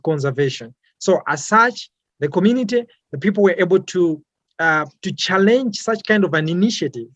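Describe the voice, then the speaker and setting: A man's voice: fairly high pitch, no room sound. Hesitant young Malawian man, dry sound. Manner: hesitant, many fillers and repeated words. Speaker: interviewee, climate activist. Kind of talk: interview answers.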